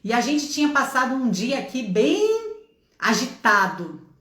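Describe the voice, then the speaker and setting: A middle-aged woman with a Brazilian accent preaches with fervor and exhortation. Her voice sits a little high. Her home office gives it a noticeable echo. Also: big pitch swings, a little slow. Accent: Brazilian Portuguese. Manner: passionate, exhorting, acts out shouts and dialogue. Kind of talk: sermon with personal testimony.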